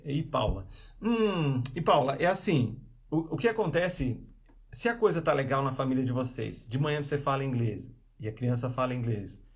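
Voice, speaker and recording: A man who teaches English, hosting a live stream of parenting advice in casual, rambling talk, full of restarts and tag questions. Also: mid-range voice. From Brazil.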